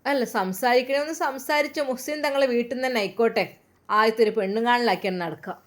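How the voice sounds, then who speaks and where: A woman's voice: on the high side, fairly even intonation, fast, natural voice. A woman voicing an older village mother, who speaks in a soothing, firm way and uses many motherly endearments.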